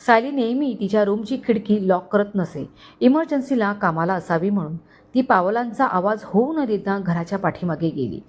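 Female storyteller, scripted story narration, steady and expressive. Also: medium pitch.

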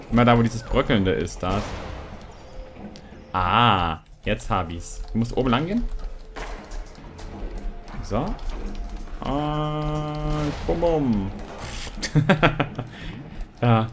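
A man's voice: medium pitch, a little hiss or hum. A young man from Saxony-Anhalt in Germany, chatting playfully through a co-op video game and joking as he plays. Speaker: let's play host. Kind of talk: casual co-op gaming chat.

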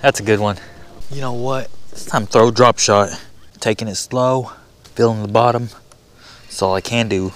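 A young man hosting a casual fishing vlog outdoors on a lake, talking in a hyped, slangy, excitable way into an action camera. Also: medium pitch, moderate pace, pauses often, a little hiss or hum. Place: outdoors on a lake, in a kayak and boat.

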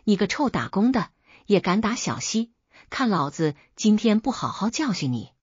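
A woman voicing a spoiled, hot-tempered young man who shouts threats, on a dull lo-fi recording. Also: mid-range voice, very animated, normal speed, husky, no room sound, voice pushed up. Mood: angry. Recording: dull lo-fi audio.

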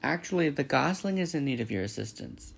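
A man's voice: medium pitch, animated, normal speed, vocal fry, darkish tone, a little hiss or hum. Man playing a polite, precise female robot. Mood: cheerful, friendly. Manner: precise, formal phrasing without contractions. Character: female robot, polite, literal, learning to act friendly.

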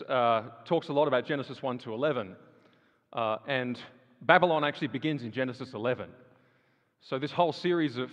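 A male guest speaker with a mid-range, fairly bright voice delivers a sermon-style talk to a live audience in a large hall. He speaks conversationally, using fillers and rising emphasis, and the recording sounds dull with long hall reverb.

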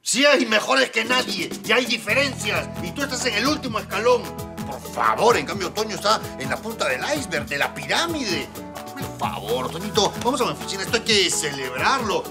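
An actor playing a pompous, snobbish middle-aged boss with a Peruvian accent, emphatic and disdainful, in a comedic telenovela. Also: male voice, high-pitched, very animated, brisk, gravelly, music in the background, exaggerated voice.

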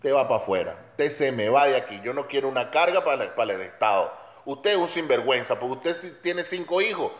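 A man's voice: mid-range voice, lively intonation, brisk. A man delivering a blunt, emphatic opinion monologue. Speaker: commentator. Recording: roomy echo.

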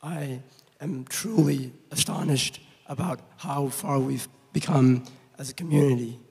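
A man with a hoarse, raspy voice, giving an award acceptance speech in a halting way with many pauses and ums. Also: mid-range voice, steady tone, dark tone. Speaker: award recipient. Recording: long reverb of a large hall.

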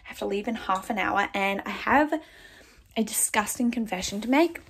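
A woman's voice: mid-range voice, normal speed, fairly bright tone, slight background noise. A young woman vlogging casually into a handheld phone, chatty and confiding, laughing at herself. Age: young adult. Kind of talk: casual vlog chat. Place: home kitchen and city streets. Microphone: phone camera held close.

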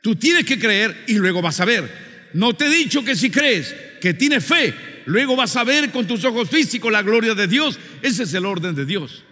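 A male preacher delivering a fervent sermon, pushing into shouted call-and-response and then dropping to low, earnest appeals. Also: big pitch swings, moderate pace. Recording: long hall reverb with faint music.

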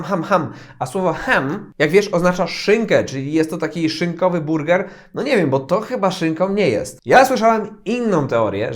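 A man from Poland giving a casual video lesson as an English teacher, playful, with joking asides and mock outrage. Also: sits high.

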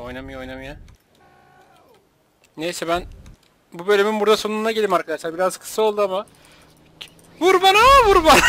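A man with a high voice chats casually over his gameplay, joking and laughing often. He talks into a desk microphone as a game host, with faint game sounds humming underneath. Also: fairly bright tone, slight background noise. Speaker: gaming video host. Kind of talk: casual let's-play commentary.

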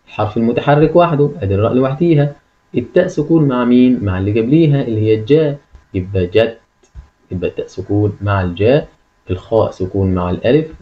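A man's voice: medium pitch, muffled recording. A man with an Egyptian Arabic accent teaches a lesson, repeating key phrases and asking the listener questions. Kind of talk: classroom-style lesson.

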